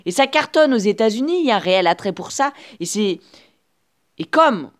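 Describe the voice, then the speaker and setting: Woman, podcast host, casual solo monologue, motivational, halting with fillers, earphone mic. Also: mid-range voice, big pitch swings. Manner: chatty and motivational, speaks straight to the listener; halting, with frequent restarts and filler sounds. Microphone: earphone headset mic.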